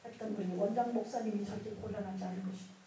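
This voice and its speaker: A woman's voice: mid-range voice, fairly even intonation, rapid-fire, far from the mic, noisy background. Emotional woman preacher in an echoey hall. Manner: emotional, swinging from loud to near whisper. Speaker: pastor. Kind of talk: sermon with a personal story. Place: large prayer hall.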